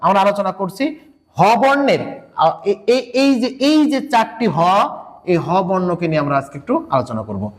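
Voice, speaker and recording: Male Bangladeshi Bengali teacher, high voice, patient step-by-step explainer who models pronunciations slowly. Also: very animated. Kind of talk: recorded lesson for exam students.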